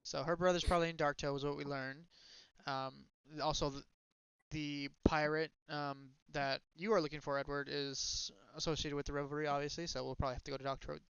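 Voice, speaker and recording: A man's voice: fairly high pitch, level tone, brisk, gravelly, a bit bright, clear, resonant tone, no room sound, highs cut off. A man chatting casually as a tabletop game player, rambling with lots of fillers. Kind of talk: casual chat.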